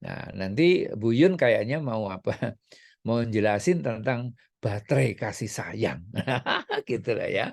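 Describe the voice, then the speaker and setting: Casting: gravelly middle-aged male coach, chatty, loose delivery. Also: fairly low pitch, expressive, takes it slowly. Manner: chatty, many fillers and tag questions. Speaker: parenting coach. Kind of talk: casual talk.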